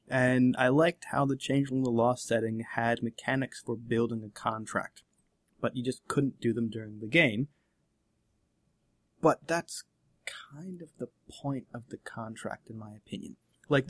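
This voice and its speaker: Guy gm chatting on a podcast, kinda rambly, keeps fixing what he said, normal pitch. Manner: rambling, self-correcting. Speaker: game master. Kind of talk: casual podcast discussion.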